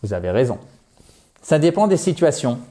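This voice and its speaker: A man teaching a language lesson online, talking straight to his viewers in a lively, emphatic way. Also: medium pitch, normal speed. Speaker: English teacher.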